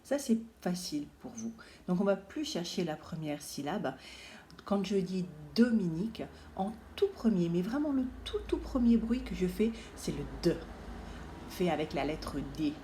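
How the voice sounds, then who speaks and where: A woman teacher giving a lesson to young children, slowly drawing out and exaggerating each letter sound. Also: lowish voice, sing-song, dark tone, a little hiss or hum.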